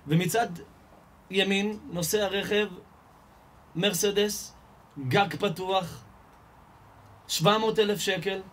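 A rabbi preaches to a live audience in a voice pitched a little above the usual male range, rising and pushing louder as his stories build. He keeps up a running stream of questions that he answers himself. Faint background noise sits under his voice. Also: pauses often. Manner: animated storyteller, asks and answers his own questions, rises in pitch and volume. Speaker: rabbi giving a Torah lesson. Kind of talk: lively sermon with stories and rhetorical questions. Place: live event hall before an audience.

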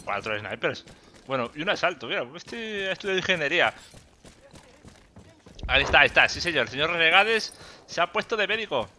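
A man with a Spain Spanish accent giving joking, excitable gameplay commentary and swearing often. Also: fairly high pitch, fairly quick, long pauses, a little hiss or hum. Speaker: gaming YouTuber. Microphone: desk USB microphone. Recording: loud game gunfire behind. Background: gunfire and explosions from the game.

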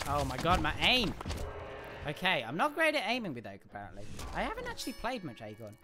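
A young man commenting live on a game he is playing, chatting with viewers and breaking into loud cheers and yelps. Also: fairly high pitch, huge pitch swings, fast talker, over music. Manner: chatty, answers viewers' questions. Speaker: gaming streamer.

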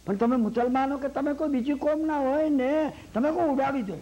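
High-voiced man giving a Jain sermon. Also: a little fast. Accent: Gujarati. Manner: lively storytelling, acts out quoted lines, asks the hall "samjya ne?". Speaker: Jain lecturer. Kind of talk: sermon with storytelling.

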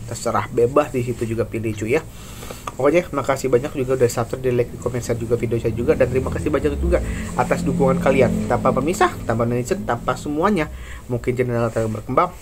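A man's voice: medium pitch, background noise. A man in his thirties doing a casual food review, chatty and slangy, filming himself on a phone in a small indoor room. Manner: chatty, slangy, eating while talking. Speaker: food vlogger. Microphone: phone camera at arm's length.

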